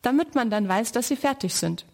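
A woman's voice: a little high, expressive, a little fast. Sensible helpful girl, read by a woman, suggesting, storybook reading.

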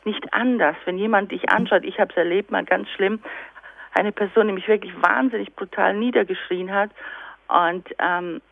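A woman guest speaker in a radio interview, telling lively stories and acting out both sides of dialogues. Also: medium pitch, moderate pace, creaky, dry recording. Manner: lively storytelling, acts out dialogues. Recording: tinny phone line, dry.

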